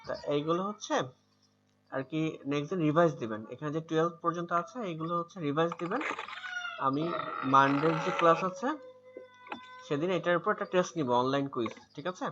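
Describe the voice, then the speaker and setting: A man's voice: on the high side, moderate pace, long pauses, bright, forceful tone, slight background noise. A man with a Bangladeshi accent teaching English pronunciation in an online class, patiently repeating words for students over a video call. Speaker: English tutor. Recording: muffled video-call audio.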